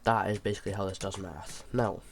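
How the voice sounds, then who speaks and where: A man with a low, creaky voice who sounds under the weather talks through a game tutorial informally, working it out hesitantly as he goes. Background noise and keyboard clicks sit behind him. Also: fairly even intonation, fairly quick. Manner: hesitant, thinking aloud as he explains. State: sick, sounding unwell. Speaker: video creator explaining a game build. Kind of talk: informal tutorial commentary over gameplay.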